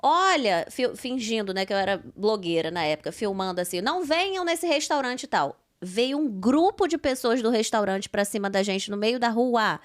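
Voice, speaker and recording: A Brazilian woman podcast host with a Brazilian Portuguese accent, telling a story in a lively, dramatic way with quick asides. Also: medium pitch. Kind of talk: animated storytelling chat.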